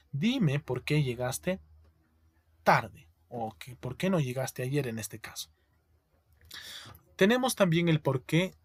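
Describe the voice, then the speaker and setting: A male teacher giving a spelling lesson, explaining slowly, repeating each word and checking in with his students. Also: fairly high pitch, slightly rough, no room sound.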